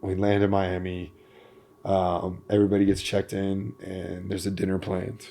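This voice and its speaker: Man, fairly low voice, lively storyteller, casual podcast chat. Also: moderate pace, vocal fry. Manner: animated storyteller, builds to excited bursts. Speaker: podcast host.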